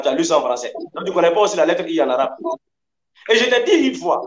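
A man with a high voice argues over a video call, lecturing and insistent. He presses his points again and again. His sound carries a noticeable room echo. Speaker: debater. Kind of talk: heated online debate.

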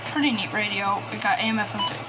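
A woman collector shows off gadgets at a desk in a small indoor room, speaking fast in a mid-range voice with a casual, hesitant, rambling manner. It's recorded on a handheld phone camera, so there's background hiss, noise and radio devices in the background.

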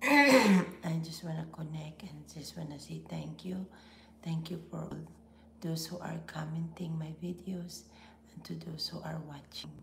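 A middle-aged Filipino woman, hoarse with laryngitis, hosts a casual live stream from a small home office, offering slow, breathy, half-whispered greetings. She pauses often and clears her throat, her voice low. The room is echoey, with a little hiss or hum.

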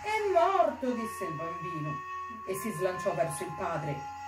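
A woman's voice: on the low side, measured pace, recorded from a distance, music in the background. Woman reading a story aloud, roomy sound. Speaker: reader. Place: library event.

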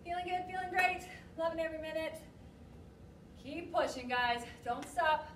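A young woman working as an aerobics instructor, calling out cues and encouragement in short, energetic, motivating bursts. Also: extremely high pitch, normal speed. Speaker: aerobics and fitness class instructor. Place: large gym studio, indoors. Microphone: distant camera microphone. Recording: echoey gym, distant mic, noisy.

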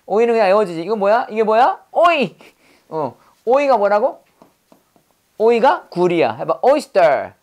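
A woman's voice: mid-range voice, big pitch swings, a little slow, darkish tone. A woman teaching English vocabulary in a lesson, drilling words by repeating them and quizzing her students. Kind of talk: call-and-response language lesson.

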